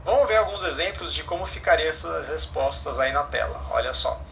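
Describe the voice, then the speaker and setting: Male English teacher, fairly high and bright voice, patient explainer, faint background hiss. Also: animated, a little fast, gravelly. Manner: explanatory, frequent "né?" and self-corrections. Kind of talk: online class explanation.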